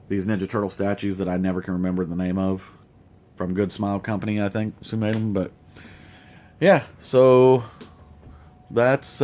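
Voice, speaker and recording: Low-voiced man rambling about his toys. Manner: relaxed, rambling with many fillers. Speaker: toy collector vlogger. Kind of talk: casual show-and-tell vlog. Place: home collection room.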